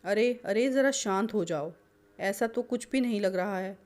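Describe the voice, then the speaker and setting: A caring young husband from a storybook, voiced by a woman narrator. He talks gently and soothingly, steady and unhurried in his reassurance. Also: medium pitch, lightly acted. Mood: reassuring. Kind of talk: storybook character voice.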